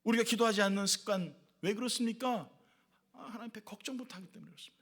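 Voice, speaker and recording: Man pastor preaching in church, high bright voice, lots of rhetorical questions and lists. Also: racing, slightly rough. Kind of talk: sermon. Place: church worship service.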